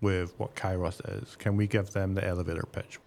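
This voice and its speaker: A man's voice: low-pitched, level tone, brisk, gravelly, a little mellow, a little hiss or hum. A man co-hosting a tech podcast. He moves from a scripted intro with sarcastic jokes into casual interview questions. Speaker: podcast co-host.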